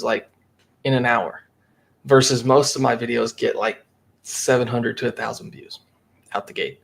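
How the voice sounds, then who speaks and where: Animated man, casual podcast talk. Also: medium pitch, vocal fry. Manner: animated, acts out quoted customers. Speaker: marketing agency guest.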